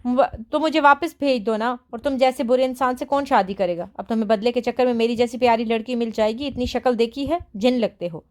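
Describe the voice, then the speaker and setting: A woman doing a young captive with a fairly high voice, caught between fear and defiance. She speaks in a tearful, pleading way but snaps back sharply. This is an audiobook character voice. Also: few pauses, darkish tone, close to an everyday voice.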